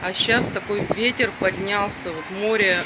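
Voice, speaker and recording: A woman's voice: mid-range voice, steady tone, moderate pace. A woman narrating casually and spontaneously to her camera outdoors on a windy balcony, with exclamatory remarks and wind on the mic. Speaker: amateur vlogger filming from a balcony. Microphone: handheld camera mic buffeted by wind. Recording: loud wind noise buffeting the microphone.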